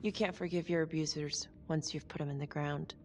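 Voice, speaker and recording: A woman's voice: low voice, steady tone, a little fast, a little hiss or hum. An actress playing a tough, sarcastic female detective questioning a prisoner in a video game cutscene. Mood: sardonic. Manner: blunt and sarcastic. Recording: game audio with loud background music.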